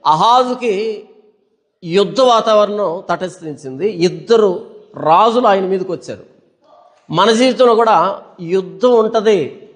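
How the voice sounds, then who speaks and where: A male pastor preaching a sermon, emphatic, firing rhetorical questions at the congregation. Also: high-pitched. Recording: long hall reverb.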